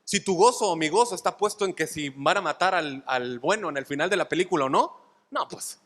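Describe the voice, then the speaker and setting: Mexican pastor preaching in an echoing hall. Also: male voice, on the high side, fast, a bit bright. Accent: Mexican Spanish. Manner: asks the congregation "¿sí?" often, emphatic and repetitive. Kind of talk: expository sermon. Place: church sanctuary. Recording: long hall reverb.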